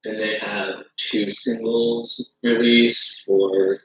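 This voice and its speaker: A man's voice: fairly low pitch, level tone, extremely slow, noisy background. A man in an old video, hesitantly listing his favorite songs with many fillers. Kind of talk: casual music review. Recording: echoey room.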